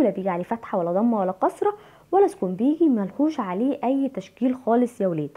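A woman's voice: mid-range voice, narrow, tinny audio. A woman with an Egyptian Arabic accent teaching young children, stretching out words and answering her own questions. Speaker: primary school Arabic teacher. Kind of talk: online lesson for young children.

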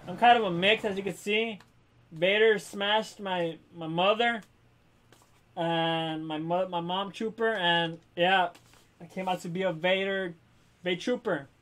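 Hyped high-voiced young man gaming. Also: fairly even intonation, measured pace. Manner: hyped, yelling at the game. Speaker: gaming YouTuber. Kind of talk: excited gameplay commentary. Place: indoors, speaking from inside a costume helmet.

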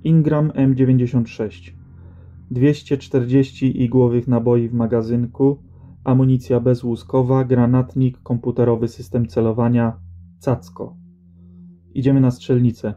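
A man's voice: mid-range voice, flat delivery, a little slow, dark tone, natural voice. A man reading as a blunt, sardonic rat-hunter. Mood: boastful. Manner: dry, matter-of-fact banter. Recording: slightly dull audio with faint music.

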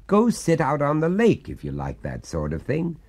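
A man playing an exasperated, pompous gentleman householder who answers back with testy sarcasm. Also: a little high, wildly swooping pitch, normal speed, breathy edge, voice pushed up, full character voice.

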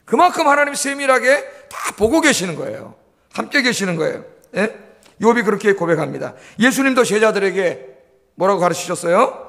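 A man's voice: sits high, very animated, a little fast, vocal fry, fairly bright tone. A male pastor preaching a sermon, emphatic, repeating key phrases and asking the congregation questions. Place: church sanctuary. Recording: long church hall reverb.

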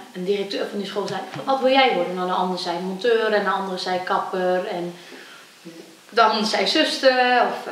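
A woman's voice: mid-range voice, a bit bright, distant mic. Young adult woman, kickboxer, interview storytelling, acts out quoted voices, very echoey room. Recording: echoey room, voice from off-mic, faint hiss.

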